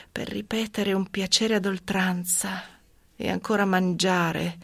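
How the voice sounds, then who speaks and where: An actress playing a greedy, scheming widow, speaking a slow, brooding inner monologue in a radio drama. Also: female voice, medium pitch, no echo.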